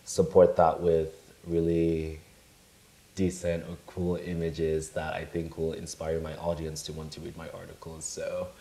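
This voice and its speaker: A young man from Nigeria, a menswear blogger, talking calmly and humbly as a guest in an interview. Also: very deep voice, a little slow, a little hiss or hum. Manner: calm, humble, reflective. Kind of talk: casual interview chat. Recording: echoey room.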